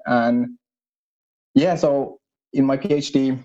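A young man from northern Finland with a Finnish accent, a guest explaining his research at a measured pace. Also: mid-range voice, fairly even intonation, warm tone, highs cut off. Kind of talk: casual interview.

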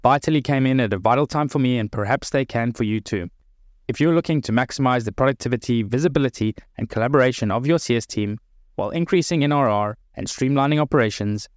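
Male podcast host, dry booth sound, medium pitch; clear scripted read of ads and intros. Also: no echo. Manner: clear, deliberate read; slowly spells out web addresses.

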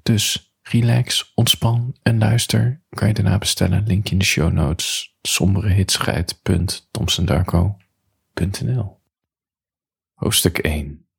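A man reading a chapter of his own audiobook as a calm bedtime story, with pauses between phrases. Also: low-pitched, creaky, breathy edge.

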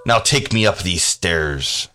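A man voicing an evil, scaly male creature from a grave, hungry and commanding, in a slow, hissing voice. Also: sits low, expressive, sharp tone, faint music behind, exaggerated voice. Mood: menacing.

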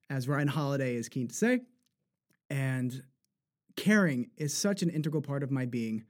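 A man guest, a performer, talking earnestly and slowing down as he reflects on what matters to him. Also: mid-range voice, darkish tone. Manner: earnest, slows down when reflecting. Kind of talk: reflective interview talk.

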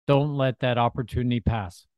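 A man's voice: medium pitch, steady tone, normal speed, dry recording, highs cut off. A man working as a financial advisor, delivering scripted advice as a podcast co-host.

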